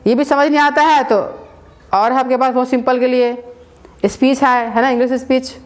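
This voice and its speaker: A woman's voice: high-pitched, fairly even intonation, moderate pace. A woman teaching a spoken English class in a casual, repetitive way, often checking with her listeners and mixing English words into her talk.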